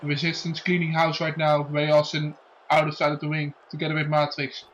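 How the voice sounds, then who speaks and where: A man's voice: fairly high pitch, completely flat delivery, brisk, a bit bright, muffled recording. A man working as a wrestling commentator, making dramatic calls and drawing out key phrases.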